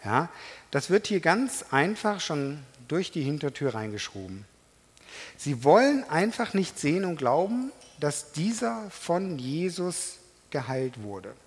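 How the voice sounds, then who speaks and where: A middle-aged man preaching a sermon, animated and emphatic, talking straight to his congregation. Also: on the high side, unhurried, slightly rough. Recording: reverberant hall.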